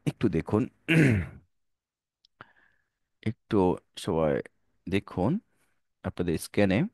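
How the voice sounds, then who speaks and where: A man's voice: low voice, big pitch swings, slow pace, gravelly, a little mellow, dry recording, clean studio sound. A man teaching an online Quran reading lesson, addressing viewers as dear brothers and sisters, mixing English words into his speech and calling out letters for them to repeat.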